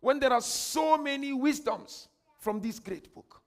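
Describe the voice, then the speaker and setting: A high-voiced man with a Ghanaian accent delivers a religious lecture, his voice rough with gravel. He swings from loud, emphatic declaiming to hushed asides. Quotations come out slow and grand. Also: expressive. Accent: Ghanaian English. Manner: reads quotations slowly and grandly. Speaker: sheikh giving a workshop lecture.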